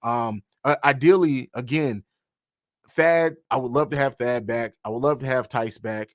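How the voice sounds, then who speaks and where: A man in his own home setup hosts a live stream, reading out viewer questions and answering them in a loose, conversational way. His voice sits at a middle pitch. The sound is dry and close, with no room echo. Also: measured pace. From grew up in Italy and Germany. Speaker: podcast host. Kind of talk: casual live-stream chat.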